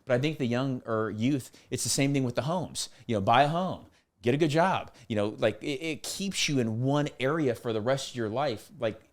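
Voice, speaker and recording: A man's voice: mid-range voice, moderate pace. A man in his forties talking casually as a podcast guest, emphatic, often repeating words as he goes. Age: 40s. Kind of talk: casual conversational interview.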